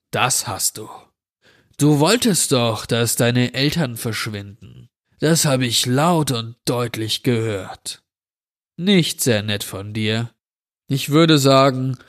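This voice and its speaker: A man's voice: mid-range voice, natural voice. A man doing a drawling sinister stranger. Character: menacing drawling male intruder who grants wishes.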